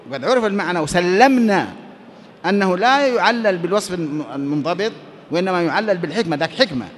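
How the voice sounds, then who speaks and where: A man's voice: high voice, a little hiss or hum. A man giving a classroom lecture on Islamic law, explaining step by step and posing questions he then answers himself. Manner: explanatory, asks and answers his own questions. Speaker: teacher of Islamic jurisprudence.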